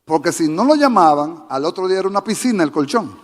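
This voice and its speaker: Male preacher, fairly high-pitched, fervent, quizzes the congregation; long church-hall reverb. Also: expressive, fast. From Dominican Republic. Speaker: pastor. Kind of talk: sermon. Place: church sanctuary.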